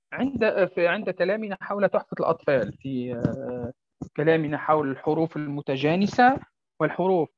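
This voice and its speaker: A male Quran recitation teacher giving a tajweed lesson on a poem, slowly drawing out and repeating example words. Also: sits high, dry recording. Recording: dry, dull lo-fi sound.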